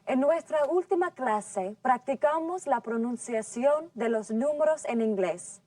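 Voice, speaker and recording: Woman teacher, slow and precise, a touch high, recorded dry and a bit off-mic. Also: lively intonation, darkish tone, no room sound, recorded from a distance. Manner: slow, carefully enunciated teaching delivery. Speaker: English teacher. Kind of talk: scripted language lesson.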